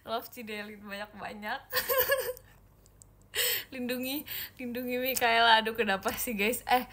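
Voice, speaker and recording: A woman's voice: a little high, fairly even intonation, slow, long pauses, bright, forceful tone. A young woman chatting casually on a livestream, reading fan comments with giggles and squealing exclamations. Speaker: idol group member livestreaming.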